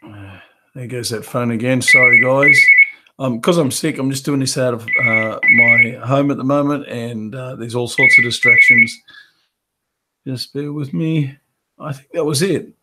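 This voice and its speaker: A man's voice: mid-range voice, fairly even intonation, measured pace, heavy background noise. A man with a head cold and a fading voice, rambling casually through a live webinar Q&A from his home office. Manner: casual, rambling, with many fillers and restarts. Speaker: carpet cleaning business coach.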